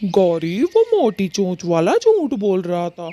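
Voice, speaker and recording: A performer voices a dramatic male cartoon bird, a plaintive husband or neighbour, in a Hindi children's cartoon story. The medium-pitched voice swoops wildly, moves slowly and sounds dark, theatrically complaining and pleading in a wounded mood.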